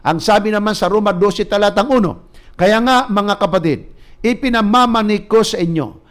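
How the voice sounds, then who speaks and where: Male preacher, high-pitched, animated storyteller, reads scripture, loud for emphasis. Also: moderate pace. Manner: reads scripture aloud, mixes in English. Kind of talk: sermon. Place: church or ministry broadcast.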